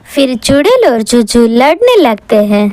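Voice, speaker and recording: A woman narrates a cartoon horror tale with lively, scripted storytelling. Her high voice swings widely up and down, recorded close and dry. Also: unhurried, no echo.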